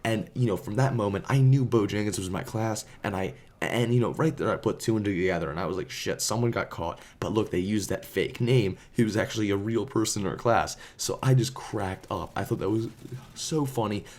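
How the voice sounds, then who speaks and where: A man's voice: fairly low pitch, a little fast, a little mellow. A man casually telling a story, rambling with lots of fillers. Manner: rambling, filler-heavy, laid-back. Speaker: storyteller and vlogger.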